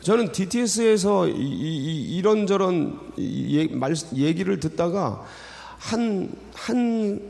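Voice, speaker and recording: Gravelly-voiced male pastor preaching in a reverberant church. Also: sits high, lively intonation, slow, darkish tone. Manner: emotional, conversational preaching with many fillers and restarts. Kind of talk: early morning sermon. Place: church sanctuary.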